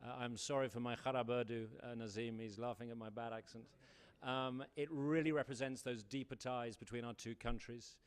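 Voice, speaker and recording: A man's voice: medium pitch, steady tone, a little fast, clean tone. A middle-aged man giving an enthusiastic formal dinner speech as a diplomat, with frequent ums and uhs.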